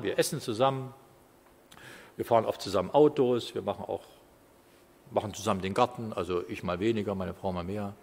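A man in his fifties preaching a sermon in a conversational way, with quiet asides and loud bursts of emphasis. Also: fairly low pitch. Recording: hall with long reverb.

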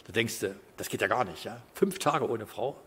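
A man in his fifties preaching a sermon in a conversational way, with quiet asides and loud bursts of emphasis. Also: fairly low pitch, animated, normal speed, husky. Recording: hall with long reverb.

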